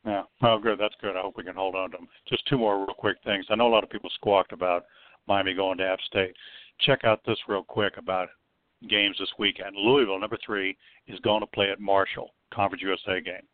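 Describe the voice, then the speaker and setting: A man from Florida calling in to a radio show over the phone, chatty and rambling as he piles on quick points. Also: low voice, steady tone, dry recording. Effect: heard over the phone. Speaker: radio call-in caller. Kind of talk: casual call-in chat. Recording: tinny phone line, dry.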